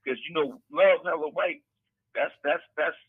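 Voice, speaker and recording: Calling in from prison, this middle-aged author and interview guest rambles through casual stories, leaning on street slang and repeated words. He speaks at a moderate pace in a fairly high, slightly rough voice. The sound is a thin, tinny prison phone line captured on the handset, without echo.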